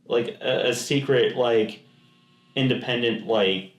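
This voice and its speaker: This man speaks slowly at medium pitch while co-hosting a podcast about video games. His talk is casual and rambling, full of fillers and restarts, recorded in an echoey room.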